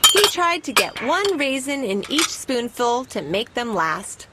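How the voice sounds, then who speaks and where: A woman reads a children's story aloud with an expressive, storytelling delivery. Her voice is fairly high and swings widely in pitch. A steady background hiss sits under the recording. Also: measured pace. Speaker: storybook narrator. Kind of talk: scripted children's story narration.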